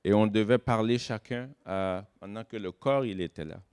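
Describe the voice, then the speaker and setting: Male guest preacher, dynamic sermon delivery that drops to near-whispers and climbs to stressed, drawn-out points. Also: smooth. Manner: dynamic preaching, swings from loud emphasis to soft low asides. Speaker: guest pastor. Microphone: online church service recording.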